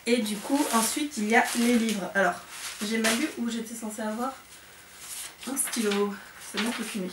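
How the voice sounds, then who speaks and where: A young woman chatting excitedly through an unboxing vlog, with lots of fillers. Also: fairly high pitch, normal speed, reverberant, distant mic, noisy background. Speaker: book vlogger.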